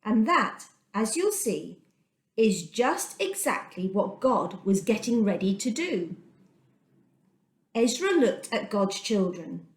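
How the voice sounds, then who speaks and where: Her mid-range voice swings widely in pitch as she reads a children's Bible story with dramatic emphasis and deliberate phrasing. The space she's recorded in echoes.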